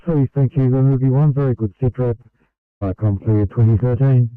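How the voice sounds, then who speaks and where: A male dispatcher gives a terse radio update, clipped and procedural. His smooth voice comes through a very narrow, phone-like two-way radio channel with no room sound. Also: medium pitch, normal speed, dry recording.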